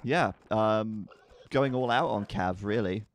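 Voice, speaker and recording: A man casting an esports match live, chatty and quick to laugh. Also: on the low side. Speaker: esports caster. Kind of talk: live game commentary. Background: faint background music.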